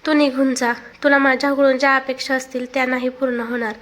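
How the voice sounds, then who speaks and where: A woman's voice: sits high, level tone, brisk, fairly bright tone. A woman voicing a bitter, drunken young husband who pushes everyone away. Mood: pleading. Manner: pushing away, despairing.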